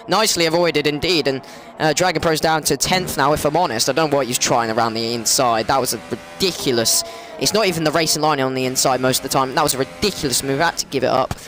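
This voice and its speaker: Calling a race in an online racing league, this man rambles excitedly, frequently correcting himself and climbing in pitch during crashes. There is background noise in the recording.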